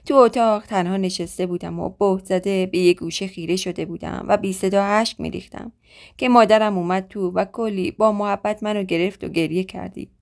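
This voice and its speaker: A woman's voice: medium pitch, steady tone, vocal fry. Woman storyteller reading a first-person tale, dramatic and emotional.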